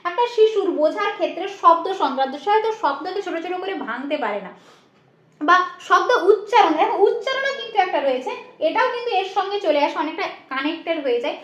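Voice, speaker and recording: A woman's voice: extremely high pitch, expressive, fast, echoey room, dull audio. A woman from West Bengal teaching an exam-prep lecture, explaining with rhetorical questions and frequent checks like "right?".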